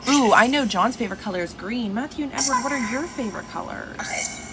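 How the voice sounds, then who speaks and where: A woman's voice: on the high side, fairly quick, loud music behind the voice. A woman hosting a casual livestream from home, chatting and addressing her listeners by name. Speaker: livestream host. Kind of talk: casual livestream chat with viewers. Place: at home indoors. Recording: noisy livestream with steady background hiss.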